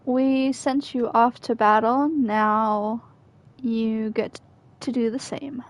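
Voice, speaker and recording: A woman's voice: fairly high pitch, steady tone, slow pace, dry recording. A woman streamer giving chatty, giggly commentary on a game while she talks to herself, and she has the hiccups. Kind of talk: casual gameplay commentary. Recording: game music playing behind her voice.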